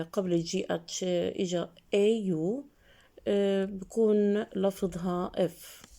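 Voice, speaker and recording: A woman English teacher, giving a slow classroom lesson for young pupils and explaining in between the English words. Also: medium pitch, mellow. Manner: very slow, deliberate English, faster Arabic asides.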